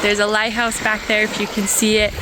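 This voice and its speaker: A woman's voice: medium pitch, monotone, a little fast, background noise. A young woman chatting casually to camera in an upbeat vlog, filmed on a handheld phone. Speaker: author and vlogger. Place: outdoors on a lake island.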